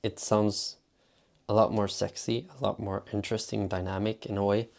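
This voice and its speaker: Gravelly low-voiced vlogger man. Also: little pitch movement, normal speed, darkish tone. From Sweden. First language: Swedish. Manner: rambling, filler-heavy with constant "like". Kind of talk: casual vlog talk.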